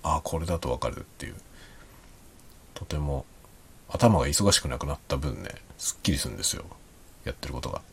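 A man talking quietly and rambling in a late-night solo chat, with soft chuckles and self-deprecating remarks. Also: rumbling low, a little fast, creaky, long pauses, a little hiss or hum. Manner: speaks quietly while drinking. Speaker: podcast host.

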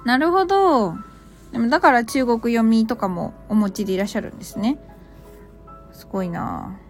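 Woman host, casual live-stream chat, fairly high voice, faint background music. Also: normal speed. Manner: chatty, reacts to listener comments with small laughs. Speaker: English cram-school teacher hosting a live stream.

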